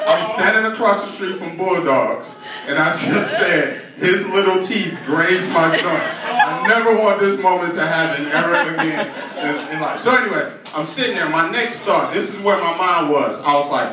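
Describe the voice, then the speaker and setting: A young man on a comedy stage tells a story in an animated, profane way, slipping in and out of voices. His voice sits slightly high. He sounds distant in a very echoey club, with crowd noise underneath. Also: normal speed. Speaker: stand-up comedian. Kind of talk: stand-up storytelling. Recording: echoey club, far mic, audience noise. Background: audience laughter.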